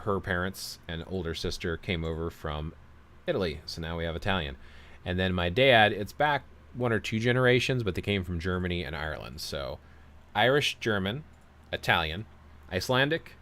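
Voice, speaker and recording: A man with a very deep voice talks loosely on a livestream. He rambles through his opinions and cheerfully mocks himself for going on too long. He reads viewer comments aloud and answers them. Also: a bit bright. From United States. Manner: rambling, opinionated, self-deprecating. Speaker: livestream host reading chat comments. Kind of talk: casual livestream chat.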